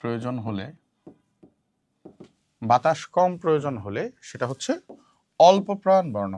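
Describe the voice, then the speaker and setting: A man's voice: mid-range voice, sing-song, normal speed, dark tone, slight background noise. A man teaching a grammar lesson for exam prep, repeating key points and quizzing students, dropping in English words. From Bangladesh.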